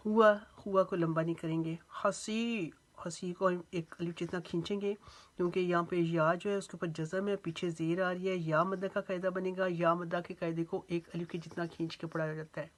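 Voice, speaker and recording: A woman teaching Quran recitation rules, slowly drawing out recited phrases and then explaining each rule patiently. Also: lowish voice, level tone. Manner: breaks words into syllables and draws out recited phrases slowly. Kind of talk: tajweed lesson with slow recitation.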